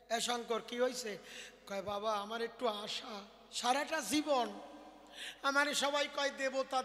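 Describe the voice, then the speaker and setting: A hoarse man with a rural Bengali dialect, preaching at a folk devotional gathering, telling stories and swelling into drawn-out sung calls. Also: very high voice, pushed and bright, big-room sound. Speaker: kobigaan singer-preacher. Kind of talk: folk devotional storytelling sermon.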